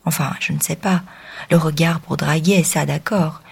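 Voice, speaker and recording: A woman reading an audiobook, voicing a blunt male friend who teases quietly. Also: low voice, fairly even intonation, normal speed, creaky, slightly rough, heavily acted. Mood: teasing.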